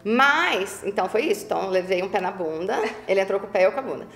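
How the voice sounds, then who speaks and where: A Brazilian woman in her forties with a Brazilian Portuguese accent, a guest telling her life story in a podcast interview, animated and emphatic, laughing often. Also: medium pitch, fast. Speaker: guest, real estate broker. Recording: roomy sound with faint music.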